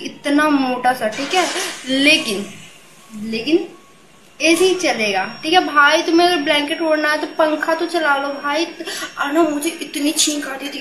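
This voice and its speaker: A young woman telling a storytime vlog in a casual, animated and exasperated way, full of fillers. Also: high voice, echoey room. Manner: animated, exasperated, many fillers like "thik hai" and "bhai". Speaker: vlogger.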